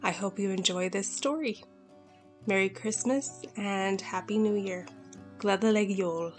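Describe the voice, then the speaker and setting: A woman hosting a podcast and reading her own folktale retelling in a clear, measured way. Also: medium pitch, faint music behind, rough recording. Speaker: podcast host and storyteller.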